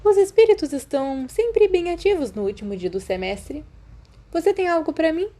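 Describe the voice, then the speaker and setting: A woman's voice: very high voice, very animated, dark tone, pitched above the performer's own voice. A Brazilian woman voicing a formal, tactful elderly female professor in an audiobook story. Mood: brisk, courteous. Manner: formal, measured.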